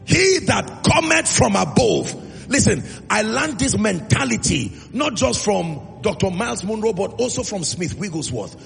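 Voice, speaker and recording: Very animated and creaky, this high male voice belongs to a Nigerian man preaching a sermon. He emphatically calls out to the congregation, drawing out key phrases call-and-response style, within a reverberant hall accompanied by music.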